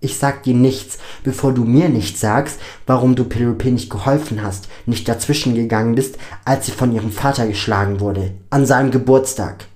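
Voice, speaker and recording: A man voicing an angry teenage girl who accuses loudly and cuttingly. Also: medium pitch, moderate pace, hardly any pauses, natural voice. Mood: accusing.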